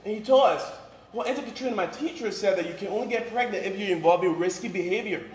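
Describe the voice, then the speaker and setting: Talking fast in a high voice, a Liberian-born campus minister in his twenties or thirties, who relocated to Boston at thirteen, delivers a casual, joking sermon to a live congregation. "You know" and "right" pepper his speech. The recording is echoey, from a large room with some faint ambient noise.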